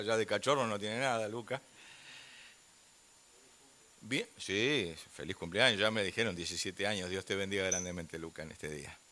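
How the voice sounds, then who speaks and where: An older man with an Argentine accent preaching a sermon in church, swinging from loud emphasis down to near-whispers. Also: medium pitch. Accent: Argentine Spanish. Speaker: guest preacher.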